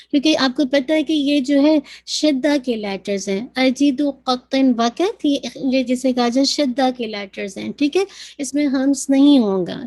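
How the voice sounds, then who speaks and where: High pitched lady teaching tajweed, patient, says each sound slow and over again. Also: a little mellow. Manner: patient, repeats sounds and demonstrates slowly. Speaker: Quran recitation teacher. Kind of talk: tajweed lesson, mixing Urdu and English.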